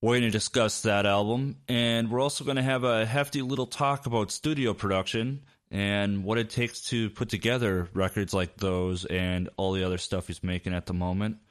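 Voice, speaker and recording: In a casual interview, a male podcast host with a lowish voice talks at a moderate pace with few pauses. He keeps things relaxed and chatty, leaning on plenty of fillers.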